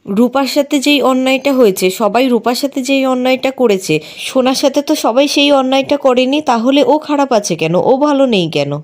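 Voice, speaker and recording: A woman's voice: high-pitched, close to an everyday voice. A woman voicing a worried young boy in a serial recap, asking anxious questions, close to her own voice. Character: worried young boy, brooding over his sister.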